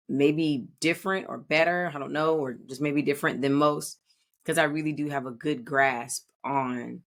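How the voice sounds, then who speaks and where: A woman in her thirties co-hosting a podcast, talking in a reflective, rambling way with many restarts. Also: deep voice. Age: 30s. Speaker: podcast co-host. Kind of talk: casual podcast chat.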